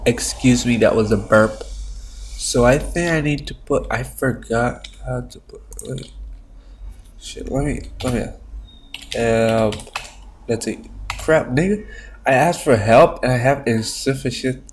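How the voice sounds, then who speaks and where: Man on a slow, lo-fi webcam stream. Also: a little hiss or hum. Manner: rambling and profane, thinking aloud while playing. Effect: low-quality stream audio from a webcam mic. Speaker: Minecraft let's-play streamer. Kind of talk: casual gameplay commentary. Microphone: webcam microphone.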